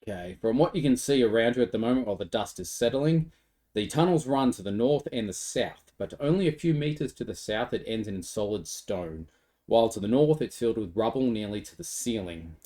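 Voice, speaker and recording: A man narrating a tabletop game as game master, easygoing and quick to laugh. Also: mid-range voice, animated, warm tone. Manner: easygoing, laughs between descriptions.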